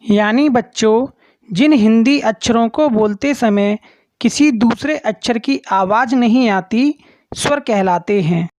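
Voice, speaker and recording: A woman teaching children in a slow, deliberate way, spelling out each letter clearly. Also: a little high, a little mellow, dry recording. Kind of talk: children's lesson.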